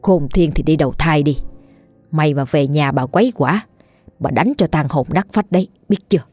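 A sour old village mother-in-law scolds and wails in a shrill, cutting voice, as a woman narrator puts her on. She is spiteful and loud, a storybook villain. The reading is close and dry, with faint music beneath. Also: normal speed, dry recording. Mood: threatening.

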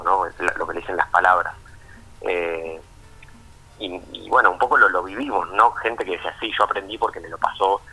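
A documentary filmmaker with an Argentine accent is interviewed over a phone line, answering casually. His voice is fairly low, bright and forceful, with a breathy edge. He explains things informally and checks in with little tag questions.

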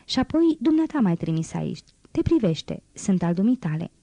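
A woman's voice: medium pitch, very animated, gravelly, warm tone, no echo. A woman reading aloud and voicing a cheerful, devoted old male gardener in a raised, chatty voice.

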